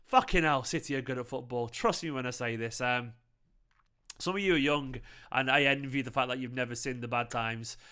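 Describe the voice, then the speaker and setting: Excitable Mancunian man, bright and clear. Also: medium pitch, brisk. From Manchester, England. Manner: excitable, sweary, chatty with viewers. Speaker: football fan channel host. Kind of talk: live post-match reaction stream reading chat.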